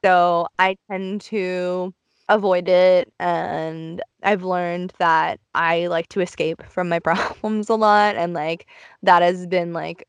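A woman's voice: lowish voice, gravelly, clean tone, no echo. A woman hosting a podcast from inside a small closet, chatting casually, candid and introspective in a rambling, confessional way. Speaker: podcast host. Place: recorded inside a small cluttered closet, dry close sound.

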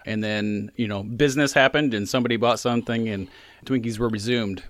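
A man's voice: lowish voice, fairly even intonation, brisk, no room sound, clean studio sound. A man co-hosting a casual food-tasting show, chatting about the taste and sharing trivia between bites. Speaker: co-host.

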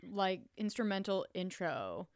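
A woman's voice: medium pitch, very animated, a little slow. A woman from the US Midwest chatting casually as a co-host, with valley girl phrasing full of "like". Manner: valley girl talk, frequent "like". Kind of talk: casual chat about film and TV.

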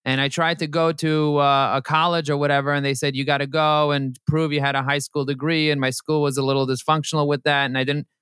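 A man speaking as a podcast guest, talking in an emphatic, motivational way that builds into animated preaching. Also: fairly high pitch, a little fast, few pauses, smooth, no echo, studio quality. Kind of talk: podcast interview. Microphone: podcast microphone.

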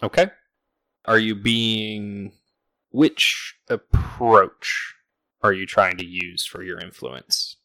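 A man's voice: on the low side, slow, sharp tone, no room sound. A man narrating as game master in a tabletop role-playing game, laid-back and conversational.

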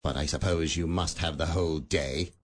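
A man's voice: extremely low pitch, fairly even intonation, moderate pace, slight background noise. An actor playing a miserly, sour old man who speaks in a clipped, scornful, grumbling way in a radio play. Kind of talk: community radio play acting.

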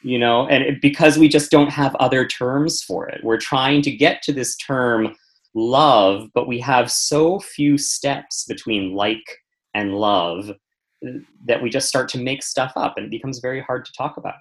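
A man who teaches meditation, patiently explaining ideas in a relaxed interview. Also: medium pitch, a little slow, rough recording. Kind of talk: conversational interview answers.

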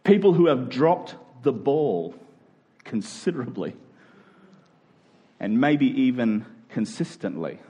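A pastor with a warm, medium-pitched voice gives a conversational expository sermon. Rhetorical questions come often, along with check-in tags like "right?" and "okay?" aimed at his listeners.

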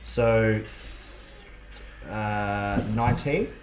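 A man's voice: on the low side, extremely slow. A man playing a tabletop roleplaying game, chatting casually as he works out his turns and dice. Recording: echoey room, noisy background with clicks.

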